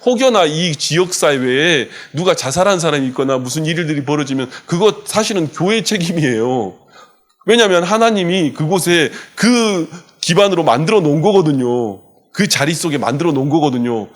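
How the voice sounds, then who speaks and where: A man preaching a sermon in a church, his voice sitting a little high for a man. His delivery is impassioned, rising to urgent emphasis and dropping to hushed, soft passages. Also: lively intonation, normal speed. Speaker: pastor. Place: church sanctuary.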